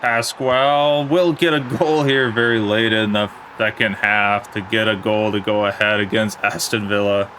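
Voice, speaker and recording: A young man giving casual play-by-play commentary on a football video game match, in a plain, steady way that turns let down when his side concedes. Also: on the low side, unhurried, few pauses, a little hiss or hum. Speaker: gaming commentator.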